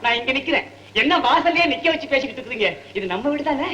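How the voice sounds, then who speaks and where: An actor playing a brash young tour guide who is a comic sidekick with fast cheeky quips. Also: male voice, very high-pitched, expressive, pushed and bright, echoey room, a little hiss or hum, full character voice. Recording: dull old film soundtrack.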